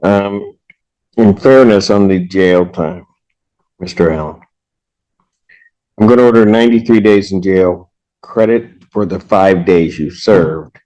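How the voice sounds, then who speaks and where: A man's voice: low voice, a little slow, long pauses, warm tone, low-quality recording. A man presiding as a judge in court, asking blunt, clipped questions, heard through a courtroom recording. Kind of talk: courtroom proceedings.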